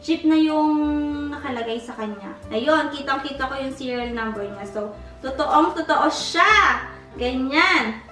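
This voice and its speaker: A woman from the Philippines chatting to camera as she unboxes a handbag, excitable and switching into English now and then. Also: sits high, measured pace, far from the mic. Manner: chatty, excitable, mixes English into her talk. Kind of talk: casual chat to camera. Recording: roomy, a bit off-mic, soft music behind.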